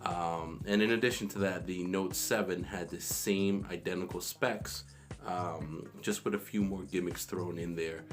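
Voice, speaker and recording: A man's voice: sits low, steady tone, a little slow. A man vlogging about tech in a rambling, casual way, recorded on a phone in a small echoey bathroom. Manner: rambling, many restarts and fillers. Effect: echoey bathroom sound. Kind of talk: casual tech talk to camera. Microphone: phone camera. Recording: echoey bathroom with background guitar music.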